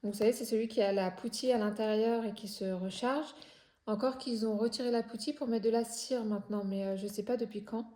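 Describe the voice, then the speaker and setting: A woman's voice: a little high, steady tone, a little fast, warm tone. A woman from France hosting her craft channel, chatting casually at home while unboxing, with many hesitant fillers and self-corrections. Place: home indoors.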